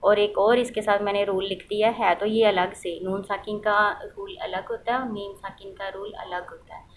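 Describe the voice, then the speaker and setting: A woman's voice: medium pitch, fairly even intonation, normal speed, slight background noise, rough recording. A woman teaching the rules of Quran recitation, patiently asking questions and then answering them, and reciting examples aloud to show how they sound. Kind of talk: explaining a lesson.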